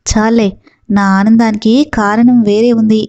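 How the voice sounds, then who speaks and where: A woman reading the lines of a domineering, lecherous male village landlord in a gruff, scolding way. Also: a little high, level tone, measured pace, dark tone, lo-fi sound, close to an everyday voice. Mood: bossy.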